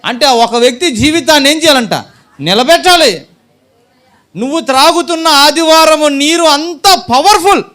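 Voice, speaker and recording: A pastor delivers a sermon to his congregation in a strikingly high voice. He leads it with questions he answers himself. He acts out small scenes with a listener to make his point. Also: moderate pace, sharp tone. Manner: fires rhetorical questions at the congregation and answers them. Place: church service.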